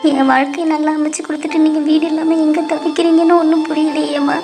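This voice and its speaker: A woman's voice: sits high, flat delivery, fast talker, over music. A woman voicing a sad young wife in a cartoon who misses her mother, speaking in a plaintive, tearful way. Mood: sorrowful. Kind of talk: cartoon voice acting.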